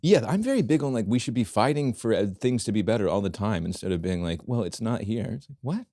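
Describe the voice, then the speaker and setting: A man's voice: lowish voice, lively intonation, fast, mellow, dry recording, studio quality. A young man hosting a podcast in casual chat, laid-back, swearing freely and laughing along with his guest. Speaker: podcast host.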